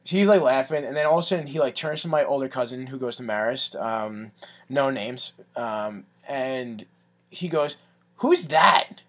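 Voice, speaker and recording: A man's voice: medium pitch, moderate pace. A young man in his twenties telling rambling stories in casual chat, full of "like" and "um". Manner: rambling, filler-heavy with lots of "like" and "um".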